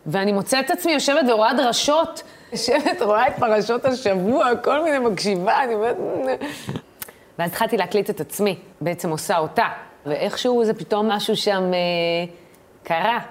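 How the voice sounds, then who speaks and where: A woman guest in a casual interview, an impressionist who tells animated stories and acts out the voices in them. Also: mid-range voice.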